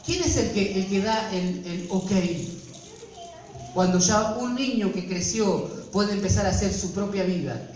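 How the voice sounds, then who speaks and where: High-voiced Argentine pastor preaching. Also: male voice, measured pace, darkish tone. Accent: Argentine Spanish. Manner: asks the congregation rhetorical questions. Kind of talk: sermon. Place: church. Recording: echoey church from far off, faint noise.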